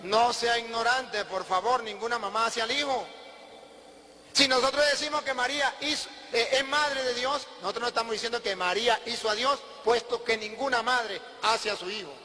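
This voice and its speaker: Emphatic high-voiced male preacher. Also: fairly even intonation, normal speed, pushed and bright, slight background noise. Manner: emphatic, asks questions and answers them himself. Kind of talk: sermon. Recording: long hall reverb.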